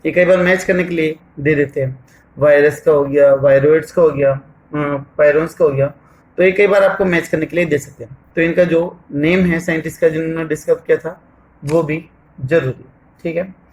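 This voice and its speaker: A man's voice: a little high, fairly even intonation, rough recording. A man teaching a lesson, asking questions and answering them himself while he writes on the board. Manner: asks questions and answers them himself, repeats "theek hai"; writes on the board while talking, slow with pauses. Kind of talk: board lesson in Hindi mixed with English terms.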